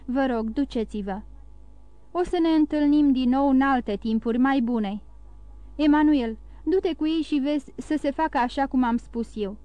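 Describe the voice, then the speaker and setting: A woman voicing a dignified, grieving older shipowner who speaks gently and formally in a storybook reading. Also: sits high, dry recording, dull audio, close to an everyday voice. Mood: subdued.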